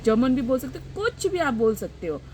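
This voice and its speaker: A woman's voice: high-pitched, sing-song, fairly quick, slight background noise. Young woman with a Northeast Indian Hindi accent. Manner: heated, repeats words for emphasis. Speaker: vlogger. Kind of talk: personal storytelling vlog.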